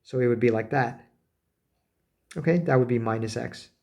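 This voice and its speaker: A man giving a math lecture, talking as he draws, with many fillers, self-corrections and quick "right?" checks. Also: medium pitch, vocal fry, a little mellow. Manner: talks while drawing, frequent fillers and self-corrections; rhetorical "right?" checks with students. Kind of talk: recorded lecture at a board.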